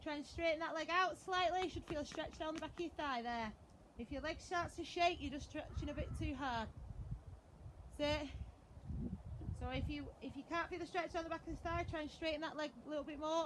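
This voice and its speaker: A woman's voice: sits high, a little fast, background noise. A woman fitness instructor leading a live workout class with short repeated commands, counts and encouraging cues. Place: outdoors in a back garden.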